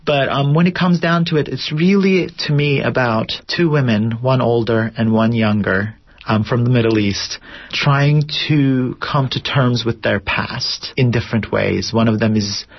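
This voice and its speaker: Heard over a dull, lo-fi radio broadcast, a theater director from Turkey reflects on interview questions, his answers considered and full of fillers. He speaks in an unhurried, mid-range voice, and the recording sounds dry.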